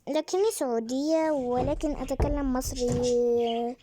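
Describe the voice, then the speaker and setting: A woman voicing a polite young Saudi woman who speaks in halting, overly formal phrases in a game role-play skit. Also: high-pitched, noisy background.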